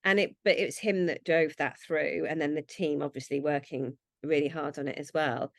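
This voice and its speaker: A woman's voice: deep voice, steady tone, moderate pace, no room sound, studio quality. A woman, a brand founder, chatting in an interview and acting out her own past thoughts. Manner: chatty, acts out quoted thoughts. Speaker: brand founder, podcast guest. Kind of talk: casual interview chat.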